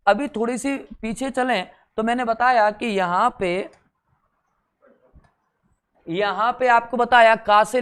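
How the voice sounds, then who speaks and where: A man's voice: very high voice, a bit bright, clear, resonant tone. A male teacher giving an exam-prep grammar lesson, drilling syllables in chanted rows, joking along the way and repeating "theek hai" often.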